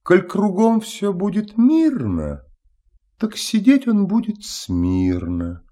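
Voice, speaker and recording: A man's voice: fairly high pitch, dark tone, pitched above the performer's own voice. A man voicing an old male wise stargazer in a verse fairy tale, speaking in a solemn, instructive way.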